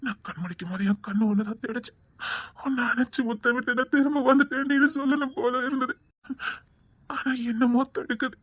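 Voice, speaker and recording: A woman voicing a bashful, tender injured husband with a Tirunelveli Tamil accent, speaking softly to reassure his wife. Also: sits high, fairly even intonation, brisk, dry recording, highs cut off. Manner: soft, gently reassuring.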